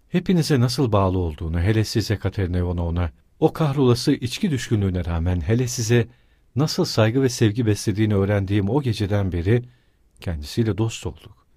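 A feverish young man, earnest one moment and dryly mocking the next, as a male reader voices him. The voice sits low and dark with a husky edge. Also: no echo, studio quality. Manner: earnest, then sardonic.

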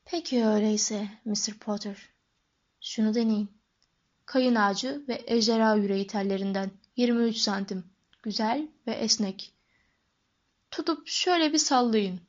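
A woman's voice: moderate pace, highs cut off, natural voice. Ollivander, a woman doing a murmuring old wandmaker. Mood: brisk, coaxing. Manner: soft murmuring, slightly lowered voice. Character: old male wandmaker, eccentric and intense.

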